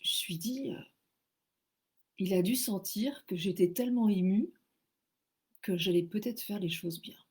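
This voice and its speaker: A French woman tells her own story at an unhurried pace, her voice slightly husky. She is animated and self-mocking, and she stumbles and repeats words as she goes. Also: medium pitch. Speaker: author telling her story. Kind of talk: casual spoken storytelling.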